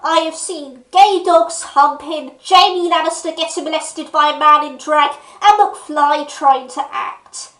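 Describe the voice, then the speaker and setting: A woman's voice: sits high, a little slow, few pauses, a bit bright, reverberant. A woman hosting a comedic film review show, delivering scripted commentary in a sarcastic, theatrical, mock-dramatic way.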